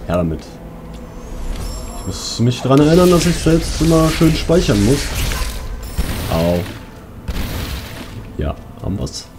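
Over video game music, a man does laid-back let's play commentary, muttering to himself with crude outbursts. His voice is a little high and sing-song, somewhat slow, with long pauses.

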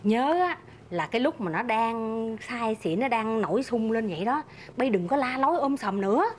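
A woman's voice: fairly high pitch, animated, moderate pace, a little mellow, slight background noise, lightly acted. An actress playing a middle-aged village neighbor with a Southern Vietnamese accent, motherly and lecturing. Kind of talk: rural comedy film acting.

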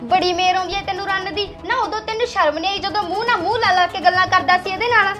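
A woman's voice: very high-pitched, fast, loud music behind the voice. A woman playing a jealous young wife who taunts and accuses her husband and sister-in-law. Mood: accusing. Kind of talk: short film acting.

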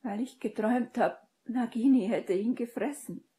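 A woman reading an audiobook and voicing a distraught, guilt-ridden young witch in a breathy, pleading whisper. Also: a little high, normal speed, warm tone, voice pushed up, lightly acted. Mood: anxious.

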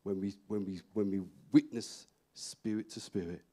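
A man's voice: on the low side, fairly even intonation, moderate pace, dark tone, slightly rough. A male pastor preaching on a church stage, emphatic and repeating key phrases. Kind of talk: sermon.

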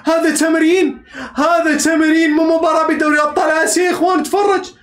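A man giving excitable live match reaction commentary, cheering players on, shouting and repeating phrases. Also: very high-pitched, fast. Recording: echoey room.

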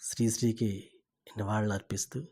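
A man's voice: fairly low pitch, level tone, moderate pace, warm tone, breathy edge. A man giving a dramatic voice-over recitation of a poem, declaiming it and chanting its repeated refrains.

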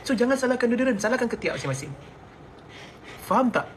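A man's voice: very high-pitched, expressive, fast, slight background noise. A man from Malaysia with a Malaysian Malay accent, chatting in a playful, exaggerated comic way and laughing often as he promotes a product. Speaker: celebrity endorser. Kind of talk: comedic sponsored chat.

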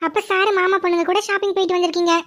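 Young cartoon girlfriend, jealous, worried, coaxing, very high, quick. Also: little pitch movement, a bit bright. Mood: fretful.

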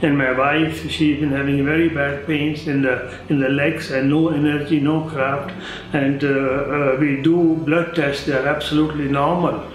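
A man's voice: a little high, flat delivery. Man in his sixties, echoey clinic room. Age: 60s. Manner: measured, with hesitations. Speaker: physician giving a testimonial. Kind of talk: interview testimonial. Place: small clinic room indoors.

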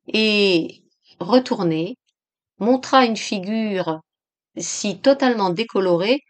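A woman narrating a literary novel as an audiobook, with a measured, expressive reading. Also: mid-range voice.

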